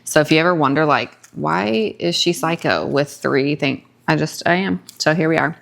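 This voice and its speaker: A woman's voice: sits low, moderate pace, gravelly, a bit bright. A woman co-hosting a family podcast, chatty and enthusiastic. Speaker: podcast co-host. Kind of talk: casual family chat.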